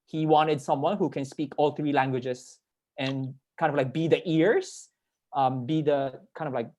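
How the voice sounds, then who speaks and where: On a video call panel, a young adult man from the Philippines recounts his work experience a little slowly, in a slightly high, slightly mellow voice with fairly even intonation. He keeps it casual, wandering and repeating words to stress points.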